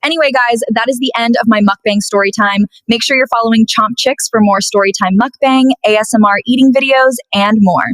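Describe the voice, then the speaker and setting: A woman's voice: fairly high pitch, fairly quick, few pauses, rough recording. Chatty young woman telling dramatic gossip. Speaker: mukbang storytime host. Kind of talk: casual dramatic gossip storytime.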